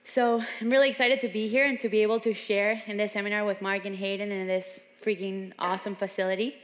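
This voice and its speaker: Seminar speaker: young woman from Venezuela, earnest storytelling, reverberant gym hall, mid pitch. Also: flat delivery, quick pace. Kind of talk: motivational talk. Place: large gym.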